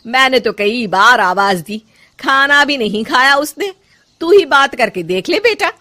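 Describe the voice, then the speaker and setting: A woman's voice: high voice, lively intonation, a little slow, pushed and bright, pitched above the performer's own voice, exaggerated voice. A woman voicing a caring middle-aged mother-in-law in a cartoon story, talking fondly. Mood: motherly. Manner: fond, motherly talk.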